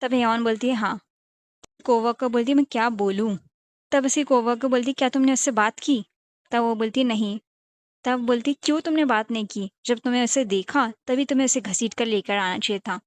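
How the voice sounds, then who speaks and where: A woman with a fairly high voice narrates a comic story recap. She talks casually and plainly, retelling each exchange as "then he says, then she says". It sounds like a voice-over recorded at home. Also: fairly quick.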